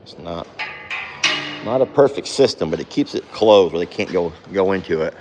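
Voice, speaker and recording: A man's voice: low voice, expressive, normal speed, a little mellow, soft background music. A man chatting casually on his farm vlog as he does barn chores. He coos at the animals and scolds them in a sharply raised voice. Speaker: farm vlogger.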